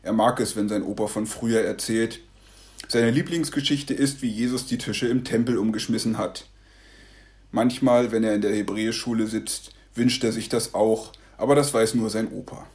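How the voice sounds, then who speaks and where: A man narrating a devotional story in a calm, measured way. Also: on the low side.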